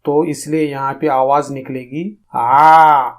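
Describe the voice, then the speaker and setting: A man teaching pronunciation in a recorded lesson, explaining calmly and drawing out demonstration sounds slowly. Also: medium pitch. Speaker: tajweed teacher.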